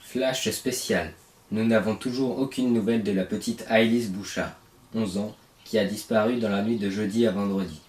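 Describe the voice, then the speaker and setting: A man's voice: on the low side, steady tone, moderate pace, a little mellow, far from the mic, a little hiss or hum, lightly acted. A man playing a newscaster who reads a special bulletin in a formal, announcing manner. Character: newscaster reading a missing-child bulletin. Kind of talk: amateur film acting. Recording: echoey room, off-mic.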